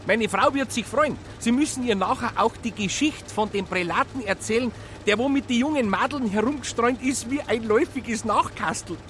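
Hearty Bavarian car buyer. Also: male voice, very high-pitched, normal speed, a bit bright, a little hiss or hum. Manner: hearty and chatty. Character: jovial provincial Bavarian car buyer, middle-aged. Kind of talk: radio play acting.

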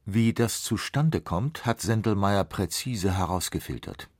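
A man's voice: on the low side, a little slow, no echo, clean studio sound. A man narrating a radio or TV feature in a scripted voice-over. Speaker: documentary narrator.

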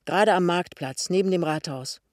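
A man's voice: high voice, normal speed, no echo, clean studio sound, close to an everyday voice. A man doing a polite small-town chauffeur.

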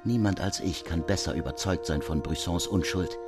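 A man's voice: low-pitched, normal speed, over loud music, pitched below the performer's own voice, lightly acted. A man doing a proud soldierly officer. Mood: firm. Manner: firm, emphatic confession. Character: proud middle-aged male officer, soldierly and frank.

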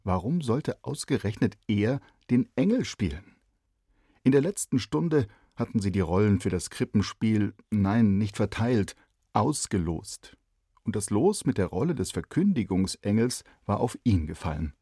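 A man narrating a children's story in an expressive, animated way. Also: on the low side, measured pace, husky, dry recording, studio quality.

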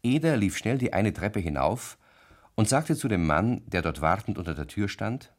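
Man, deep voice, lively intonation, calm storybook narration. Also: moderate pace. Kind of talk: scripted narration.

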